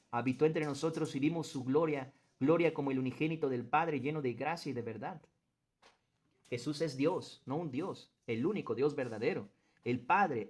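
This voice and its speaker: A man's voice: fairly high pitch, a little mellow, husky. A man with a somewhat raised voice leads a group Bible study. He talks in an earnest teaching manner, reads passages aloud, and puts questions to the group. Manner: earnest teacher who quizzes the group and stresses points.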